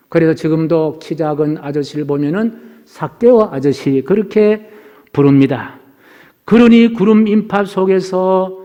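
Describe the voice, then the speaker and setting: Male pastor, middle-aged, earnest sermon delivery, mellow tone, long church reverb. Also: fairly high pitch, highs cut off. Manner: earnest preaching, opens with recited verse. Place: church sanctuary.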